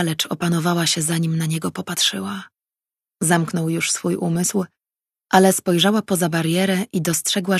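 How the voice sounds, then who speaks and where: A woman reads a fantasy story aloud in a measured, even way. Her voice is low with a gravelly, husky texture. The recording is close and dry. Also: no echo. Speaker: audiobook narrator. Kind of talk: scripted fantasy narration.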